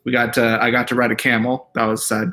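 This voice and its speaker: A man's voice: mid-range voice, fast talker. A man, a TV writer, talking casually in an interview, rambling with lots of fillers. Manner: relaxed, rambling, many fillers and "like"s. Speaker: TV writer guest.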